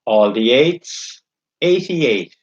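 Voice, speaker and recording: A man calling bingo, announcing each number in a measured, formulaic way, digit by digit and then in full. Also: mid-range voice, expressive. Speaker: bingo caller and host. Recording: dull, lo-fi sound.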